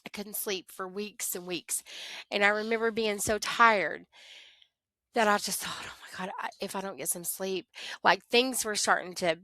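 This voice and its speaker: Middle-aged woman, guest recounting her life candidly, bright tone, expressive, dry close recording. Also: mid-range voice, moderate pace, dry recording. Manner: animated, expressive, talks to herself in quoted prayers. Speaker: interview guest. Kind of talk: candid conversational storytelling.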